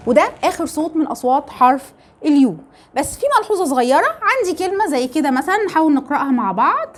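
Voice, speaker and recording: A woman's voice: high-pitched, lively intonation, rapid-fire. A woman with an Egyptian Arabic accent teaching English pronunciation, explaining step by step and asking rhetorical questions. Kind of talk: phonetics lesson.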